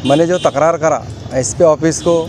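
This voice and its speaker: A man's voice: on the high side, steady tone, normal speed, noisy background. A man, a social activist on hunger strike, giving a plain, complaining statement outdoors near a road. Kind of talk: on-the-spot statement.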